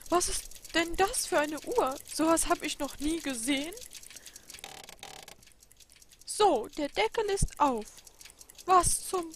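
Woman doing a high, exclaiming old clockmaker. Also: lively intonation, measured pace. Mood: amazed. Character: old male clockmaker, sleepy and surprised. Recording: audible background noise.

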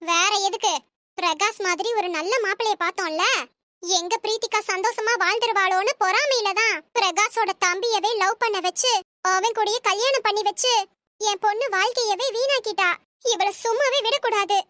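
Harsh cartoon mother-in-law done by a woman, scolds nonstop, high and piercing. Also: moderate pace, no echo, clean studio sound. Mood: accusing. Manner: scolding, shouting accusations. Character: angry middle-aged mother-in-law, harsh.

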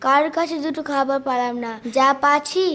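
An actress playing a poor, sorrowful young mother who was abandoned, speaking in a slow, pleading way in an amateur village drama. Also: high voice, bright, forceful tone.

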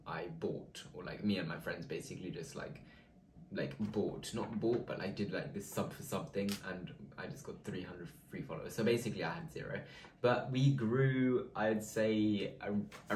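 A teenage boy, a vlogger, chatting casually with lots of ums and likes. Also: fairly low pitch. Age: teens. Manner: chatty, filler-heavy, lots of "um" and "like". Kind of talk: casual vlog talk. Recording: echoey room with faint noise.

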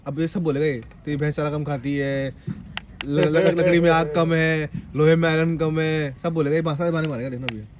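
A man's voice: on the high side, steady tone, normal speed, a little hiss or hum. A man teasing his friend in loose joking banter outdoors at a campsite. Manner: joking, mocking. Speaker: friend at the campfire.

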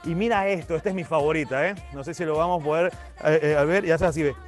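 A man's voice: on the high side, fast talker, soft background music. A man with a Panamanian Spanish accent performing as a children's party magician on a live stream, showy and playful as he cheers on the audience.

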